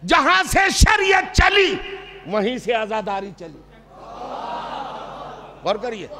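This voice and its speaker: A middle-aged man preaching a passionate religious sermon, firing rhetorical questions at a seated audience, swinging from quiet asides to shouted climaxes. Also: big pitch swings, very noisy. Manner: drops to low, intimate asides between outbursts. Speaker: Shia cleric preaching a majlis.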